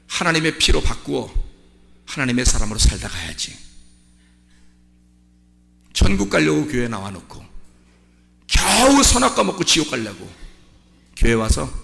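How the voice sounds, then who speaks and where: A male pastor delivers a sermon in a conversational, teasing way, his fairly high, bright voice climbing into loud shouts at its peaks. The sound carries a long reverb, as if it fills a church sanctuary. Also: vocal fry. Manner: conversational preaching that swings from quiet asides to loud shouting.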